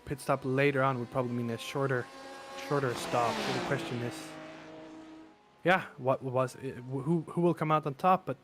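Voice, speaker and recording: A man calling a sim race live, talking through his race-day hoarseness with lots of fillers and restarts. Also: mid-range voice, normal speed, over music. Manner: excitable, many fillers and restarts. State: voice wearing out. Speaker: race commentator. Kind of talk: live sim racing commentary. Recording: noisy stream with engine sounds. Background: race car engine noise.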